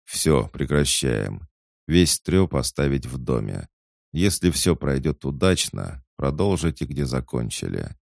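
A man's voice: a bass voice, very animated, unhurried, vocal fry, darkish tone, dry recording, studio quality, exaggerated voice. A man playing a stern commander. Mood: commanding. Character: Roman, stern adult male commander.

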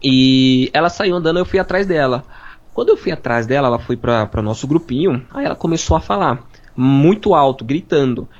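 A young man tells his story in a casual, slangy, animated way and acts out the lines he quotes. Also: medium pitch, fairly quick. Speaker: listener telling his story. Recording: dull lo-fi sound with faint music.

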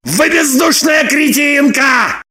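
A woman voicing a heartbroken, furious man in an audiobook, shouting and wailing in long, drawn-out outbursts. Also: mid-range voice, lively intonation. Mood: outraged wailing. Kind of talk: audiobook character voice.

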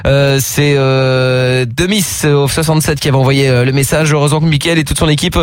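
A man's voice: medium pitch, steady tone, a little fast, clear, resonant tone, no echo, clean studio sound. A man hosting a late-night radio call-in show, teasing callers and reading listener messages aloud. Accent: French. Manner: teasing, joking, reads listener texts aloud. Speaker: radio host. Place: radio studio. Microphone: studio mic.

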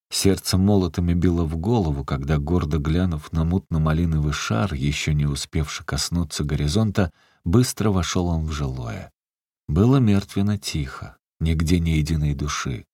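A man reading a literary story aloud as an audiobook narrator, measured and unhurried. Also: sits low, darkish tone, breathy edge, no room sound, studio quality.

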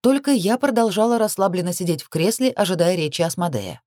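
A woman narrating a fantasy novel in the first person with even, wry storytelling. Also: on the low side, fairly quick, dry recording, studio quality. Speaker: audiobook reader.

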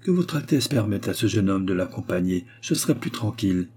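A man voicing a humble, secretive old man who speaks gravely and with respect. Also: low voice, animated, fairly quick, a little mellow.

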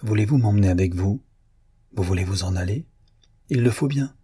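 A man's voice: lowish voice, a little fast, warm tone, husky, no room sound, studio quality. A man reading the part of a shy, blunt young peasant girl in an audiobook, with an artless, hesitant delivery. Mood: plaintive.

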